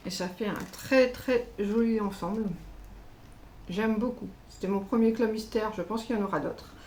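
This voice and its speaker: A woman's voice: mid-range voice, moderate pace, warm tone, a little hiss or hum. Chatty French woman unboxing yarn. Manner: chatty, hesitant, lots of fillers. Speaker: craft channel host. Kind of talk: casual unboxing vlog.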